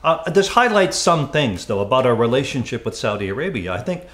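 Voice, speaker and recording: This man talks a little fast in a medium-pitched, somewhat bright voice that swings widely in pitch. Co-hosting a talk show, he delivers opinionated, informal political commentary packed with rhetorical questions, and the recording has a roomy echo.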